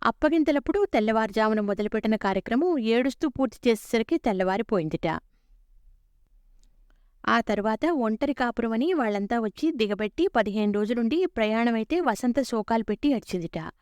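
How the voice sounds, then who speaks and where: Higher-pitched woman reading a story, crisp and dry. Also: normal speed, no echo. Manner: lively storytelling with voiced dialogue. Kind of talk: reading a humorous short story aloud.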